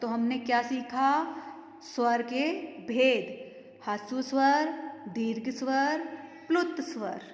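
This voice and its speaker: Casting: woman teacher, high-pitched, unhurried, quizzes kids then answers herself; echoey room with long reverb. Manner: patient, asks questions and answers them herself. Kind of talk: grammar lesson for children.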